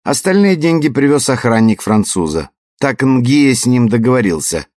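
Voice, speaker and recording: A man's voice: medium pitch, sing-song, moderate pace, darkish tone, no echo, studio quality, voice pushed up, natural voice. A man voicing a vengeful, mocking old woman poisoner in an audiobook, with a cold, triumphant manner. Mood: coldly satisfied.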